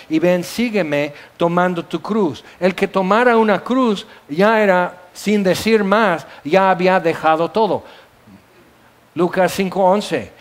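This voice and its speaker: This is a middle-aged man with a Mexican accent delivering a sermon. His voice sits high for a man. He preaches in a lively, storytelling way, full of asides and playful sound effects.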